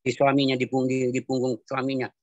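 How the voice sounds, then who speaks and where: A man giving a church testimony, telling his story in colloquial, animated style and repeating phrases for emphasis. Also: mid-range voice, fairly quick, dry recording, highs cut off. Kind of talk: testimony at a prayer meeting.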